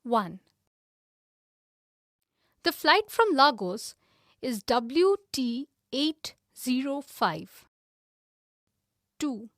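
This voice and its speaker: A woman reads numbered textbook sentences slowly and clearly. Her voice sits high, and the recording is dry and close. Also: fairly bright tone, no echo. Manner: clear, evenly paced reading. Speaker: reader of exercise items. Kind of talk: scripted textbook reading.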